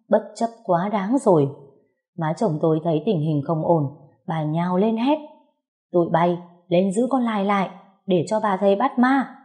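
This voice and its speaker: A woman's voice: on the low side, dark tone. A woman reading a first-person story aloud, expressively and with emotion.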